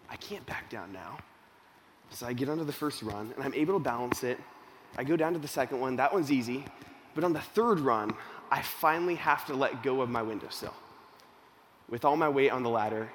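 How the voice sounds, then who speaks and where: A young man gives a motivational speech built around a personal story, swinging from loud excitement to hushed seriousness. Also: a little high, a little hiss or hum. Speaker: youth organization speaker.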